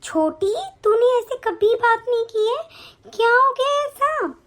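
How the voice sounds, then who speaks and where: A woman voicing an angry, defiant young bride in an animated story. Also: extremely high pitch, unhurried, heavily acted. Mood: snappish. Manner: snappish, defiant.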